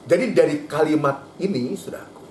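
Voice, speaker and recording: A man preaching a sermon, emphatic, repeating his phrases and climbing high when he quotes. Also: brisk, a little mellow, roomy sound, slight background noise. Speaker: pastor. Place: church hall.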